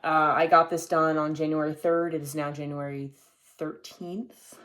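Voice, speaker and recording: A man's voice: fairly high pitch, little pitch movement, moderate pace, a bit bright. A young man hosting his own video podcast, chatting casually to a camera in a rambling way and swearing now and then. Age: young adult. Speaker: podcast host. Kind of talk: casual solo video chat. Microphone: talking to a camera.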